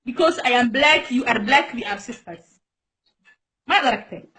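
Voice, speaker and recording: A woman's voice: a little high, lively intonation, normal speed, crowd noise. A Djiboutian woman whose first language is Somali, hosting a casual live-stream chat in broken English, repeating herself and coaxing her guest.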